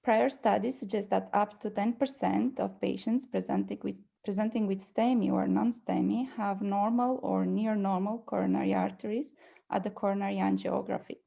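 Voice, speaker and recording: A woman's voice: mid-range voice, steady tone, normal speed, gravelly, warm tone. A young adult woman from Romania with a Romanian accent, presenting a medical case in a careful, hesitant way with frequent fillers. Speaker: presenting doctor.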